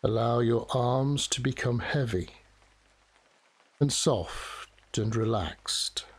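Slow, soft-spoken man guiding meditation. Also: mid-range voice, breathy edge. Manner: soft, soothing, measured delivery with long pauses. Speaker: guided meditation narrator. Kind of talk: guided relaxation meditation narration. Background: steady rain.

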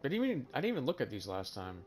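A man's voice: mid-range voice, huge pitch swings, racing. A man giving casual let's-play commentary, laid-back and swearing, saying dude a lot. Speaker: gaming channel host. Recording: game music loud behind voice.

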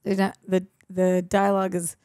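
A woman host giving casual reaction commentary in a creaky voice. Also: mid-range voice, monotone, moderate pace, warm tone, dry recording, studio quality.

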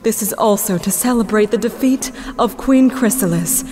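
A woman's voice: mid-range voice, moderate pace, a little mellow, natural voice. A woman plays a gracious cartoon pony princess. She speaks formally and regally in a mid-range voice, with the reverb of a large hall around her. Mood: gracious, ceremonial. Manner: formal, stately. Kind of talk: animated fan series voice acting, ceremonial speech.

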